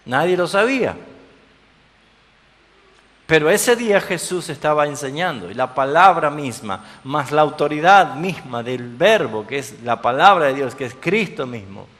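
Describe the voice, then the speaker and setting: Guy preaching in church, kinda high voice, big long echo, emphatic, asks the crowd questions. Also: animated, unhurried, a bit bright. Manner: emphatic, rising and falling with frequent questions to the congregation. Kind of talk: sermon.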